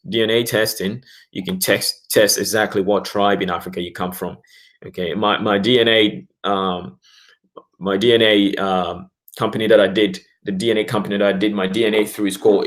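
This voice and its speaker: A man hosting his own channel, talking through a subject in a casual monologue, often adding "okay" and "you know" and stumbling as he reads passages aloud. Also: on the low side. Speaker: YouTube channel host.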